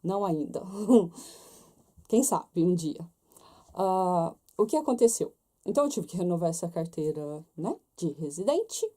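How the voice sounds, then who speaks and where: A young Brazilian vlogger with a Brazilian Portuguese accent chats casually to camera in a fairly low, mellow voice, unhurried with big pitch swings. She talks straight to her viewers, checking in often with lots of tag questions.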